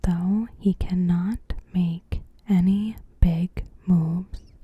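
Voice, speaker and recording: In hushed, deliberate whispers broken by gaps, a female ASMR host breathily recaps events. Her pitch is fairly low and her tone steady; the recording has no room sound and its highs are cut off.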